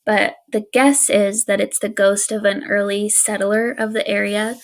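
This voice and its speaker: A woman co-hosting a podcast tells a spooky story in casual chat, relaxed and easygoing, laughing often and using fillers. Her voice sits at medium pitch with a moderate pace.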